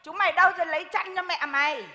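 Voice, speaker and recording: A woman's voice: extremely high pitch, very fast, heavily acted. A woman playing a bossy village woman who scolds and lectures a pregnant neighbor in a live comedy skit. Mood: scolding. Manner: scolding, lecturing, loud and exaggerated. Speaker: comic stage actor. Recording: reverberant live stage hall.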